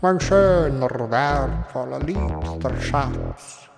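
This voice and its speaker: A pompous mandarin, acted by a man, gasps his words slowly in a storybook tale, his gravelly voice leaping up and down. Long reverb and music surround him. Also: animated, exaggerated voice. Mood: stammering awe. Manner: theatrical, swooping pitch. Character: pompous awed male mandarin official.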